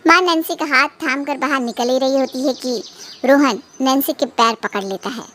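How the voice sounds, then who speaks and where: High-voiced woman narrating a cartoon story. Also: moderate pace, a bit bright, slight background noise.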